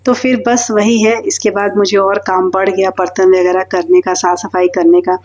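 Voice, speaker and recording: A middle-aged woman from India, hurriedly talking through her day in a rambling, chatty vlog voice-over, recorded in a quiet room. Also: medium pitch, flat delivery. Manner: rambling, hurried chatty talk with frequent fillers. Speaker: housewife vlogger.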